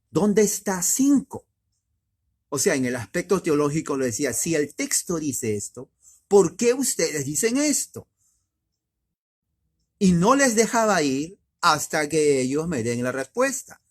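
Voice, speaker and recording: Male preacher, husky and a bit breathy, talks it through like a chat, then punches key lines with rhetorical questions. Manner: emphatic, rhetorical questions, sharp swings of pitch and loudness. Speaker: preacher teaching doctrine. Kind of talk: conversational sermon.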